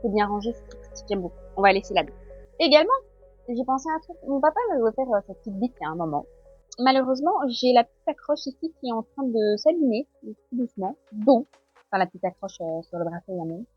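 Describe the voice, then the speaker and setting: A woman's voice: fairly high pitch, lively intonation, fast, slightly rough, dull audio, soft background music. A woman with a French accent in a casual home vlog, chatting as she unboxes gifts. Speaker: vlogger.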